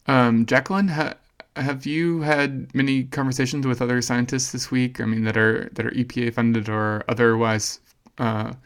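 A man's voice: mid-range voice, flat delivery, normal speed, clear, resonant tone. A man hosting a podcast, putting questions to the panel in a casual conversational way. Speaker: podcast host asking questions. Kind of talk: casual interview.

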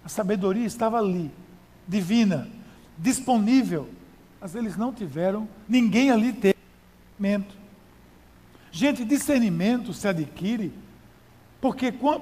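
A man's voice: sits high, expressive, unhurried, long pauses, darkish tone, long reverb tail. A male pastor preaching a sermon in a conversational style, with rhetorical questions and emphatic repetition.

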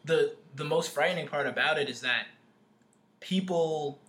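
A man's voice: fairly high pitch, moderate pace, fairly bright tone. A man from Brooklyn, New York chatting casually in hesitant, filler-heavy phrases. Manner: hesitant phrasing, peppered with "like" and "you know". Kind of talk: casual chat. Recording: some background ambient noise.

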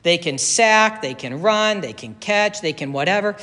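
A man's voice: high voice, lively intonation, normal speed, sharp tone, long reverb tail. A man preaching a sermon as pastor, conversational and folksy, with casual asides and self-corrections.

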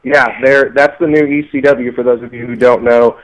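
A man's voice: mid-range voice, steady tone, moderate pace, lo-fi sound, a crowd in the background. A man co-hosting a casual podcast chat, telling stories animatedly and laughing often. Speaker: podcast co-host.

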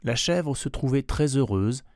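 A man narrating a classic tale aloud in a measured, expressive storytelling way. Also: mid-range voice, dry recording, studio quality.

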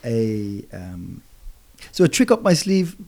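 A man's voice: on the low side, sing-song, slow pace, creaky, darkish tone. Rambling, self-correcting young male co-host. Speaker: podcast co-host. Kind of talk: casual chat explaining English phrases.

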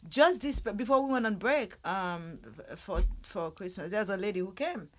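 A woman's voice: mid-range voice, expressive, moderate pace, a bit bright. A woman from Haiti, a restaurant owner, chatting casually as a guest and often repeating her words. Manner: chatty, repeats words, tells little stories. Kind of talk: casual interview chat.

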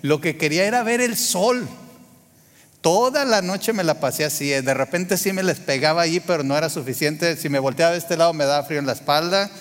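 A man with a Mexican accent preaching to his congregation in a relaxed storytelling manner, often checking in with "¿verdad?". His voice sits a bit high for a man. The sound rings with the long reverb of a large hall. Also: brisk. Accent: Mexican Spanish. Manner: conversational, frequent "¿verdad?" asides to the congregation. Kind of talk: sermon with a personal story.

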